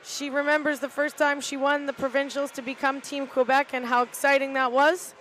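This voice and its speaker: A middle-aged woman giving casual, halting live play-by-play commentary from an arena balcony, with lots of "uh" fillers. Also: sits high, flat delivery, fairly bright tone, a little hiss or hum, low-quality recording. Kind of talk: live amateur sports commentary. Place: arena balcony above the rink.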